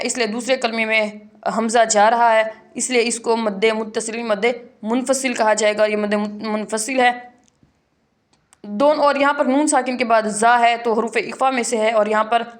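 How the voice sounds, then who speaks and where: A woman teaching Quran reading in an online lesson, explaining rules and then slowly spelling out letters and drawn-out syllables. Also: fairly high pitch.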